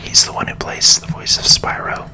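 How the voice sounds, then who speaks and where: Someone whispers calm ASMR commentary over a video game, staying close to the microphone and speaking slowly and soothingly.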